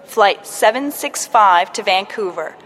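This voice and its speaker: A woman reads a scripted airport boarding announcement in a formal, clearly phrased manner. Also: mid-range voice, lively intonation, unhurried, fairly bright tone. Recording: long echoing hall reverb.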